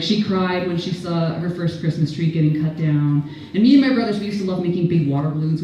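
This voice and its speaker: A woman's voice: lowish voice, dark tone, dull audio. A Canadian woman doing a stand-up set at an event, rambling and self-deprecating, laughing at her own jokes. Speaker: stand-up comedian. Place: event venue, audience laughter behind. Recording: echoey room from far off.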